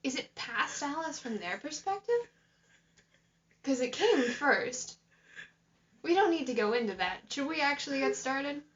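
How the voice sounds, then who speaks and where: A woman's voice: high-pitched, very animated, a little slow, long pauses, fairly bright tone. A young woman co-hosting a casual podcast, rambling and jokey with a curious manner. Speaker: podcast co-host. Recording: dull lo-fi home recording.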